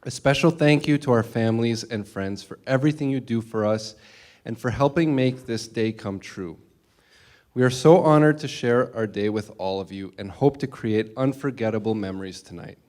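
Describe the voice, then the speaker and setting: Groom, mid-pitched, sincere and earnest, reading prepared thanks. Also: male voice, normal speed, a little mellow. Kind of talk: prepared thank-you speech. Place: wedding reception hall.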